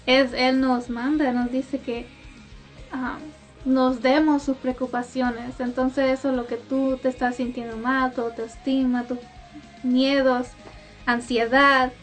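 A woman with a high voice leads a casual devotional talk. She speaks gently and conversationally, with small laughs. Faint music plays in the background. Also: flat delivery, slow. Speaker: host of a Bible talk.

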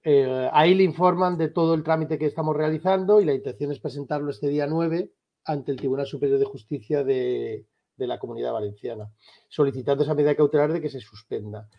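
Husky man speaking firmly over a dull line. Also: a little high, a little fast. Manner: firm, emphatic, insistent. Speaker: lawyer for a civil rights association. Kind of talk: remote interview answers.

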